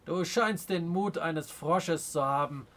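A man's voice: a little high, fairly bright tone. A man voicing a proud, stern Native chief in an audiobook, speaking in a scornful, commanding way. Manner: scornful, commanding, slow and weighty. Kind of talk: audiobook character reading.

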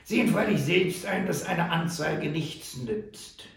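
A man voicing a sly, mocking old male trapper who drawls slowly in a high, gravelly voice. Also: fairly bright tone, far from the mic, full character voice. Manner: slow, teasing drawl. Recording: roomy echo.

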